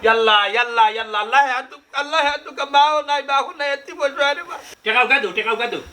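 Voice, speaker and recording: A man's voice: very high-pitched, racing, pushed and bright. An actor with a Sylheti accent playing a pushy man who demands money for treatment and scolds insistently. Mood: scolding. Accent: Sylheti Bengali. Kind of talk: rural comedy drama acting.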